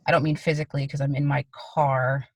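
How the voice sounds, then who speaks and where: A woman's voice: rumbling low, level tone, fairly quick, no room sound, rough recording. A woman artist answering interview questions over a video call from her car, hesitant and full of likes and kind-ofs. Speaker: guest artist.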